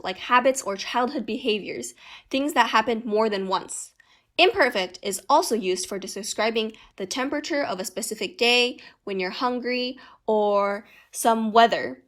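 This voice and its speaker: A woman's voice: mid-range voice, fairly bright tone. A young woman hosting a podcast, giving a lesson and explaining step by step as she spells out word endings. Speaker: host.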